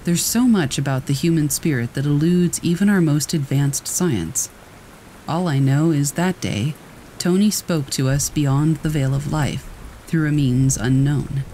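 Measured male story narrator over rain. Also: fairly high pitch, mellow, a little hiss or hum, rough recording. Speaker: narrator reading scary stories. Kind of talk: first-person story reading.

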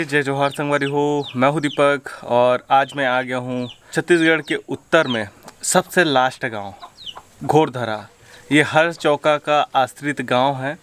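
A man's voice: mid-range voice, a bit bright, slight background noise. Chatty young man vlogging outdoors. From Chhattisgarh, India. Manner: chatty, curious, asks quick questions. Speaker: travel vlogger. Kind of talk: casual walking vlog with interviews. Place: outdoors in a rural village. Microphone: phone camera held at arm's length.

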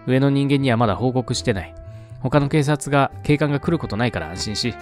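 A man's voice: medium pitch, fairly quick, soft background music, close to an everyday voice. A man voicing a nosy young woman detective in an attempted Kansai dialect, blunt and pushy.

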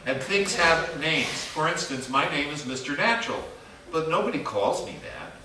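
A man's voice: on the high side, very animated, moderate pace, noisy background. A man teaching a music theory workshop to a class in a casual, chatty way, quizzing the students as he goes. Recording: very echoey room, mic far off.

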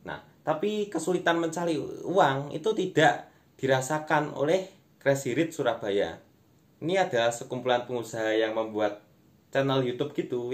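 A young man speaks in at a middling pitch. He delivers a homemade stand-up routine to the camera in a conversational way. His manner is self-deprecating, and he talks to listeners like friends. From Indonesia. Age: young adult. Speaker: amateur stand-up comedian. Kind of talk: stand-up comedy monologue to camera. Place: small room at home, indoors.

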